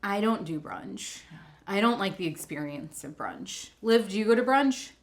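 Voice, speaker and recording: A woman's voice: medium pitch, lively intonation, moderate pace. A woman co-hosting a food taste test, chatting loosely with lots of filler words. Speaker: co-host of a food review show. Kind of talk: casual taste-test chat.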